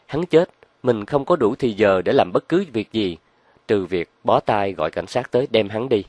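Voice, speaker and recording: A man reading a crime novel aloud as narrator, in a measured storytelling manner. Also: fairly low pitch, animated, a little mellow, no room sound.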